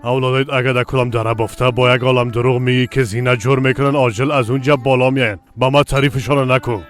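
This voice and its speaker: Casting: a man as a blunt, stern father, Tajik accent, mid-pitched, dubbed family drama. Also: fairly even intonation, faint music behind, natural voice. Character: stern middle-aged father, impatient with his children.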